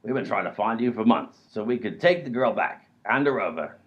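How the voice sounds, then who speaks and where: Speaking a little fast with a fairly low pitch, lively intonation and a fairly bright tone, a man plays a bumbling robber in a comedy radio play. The character is dim, self-assured and blustering, and the audio is dull and lo-fi.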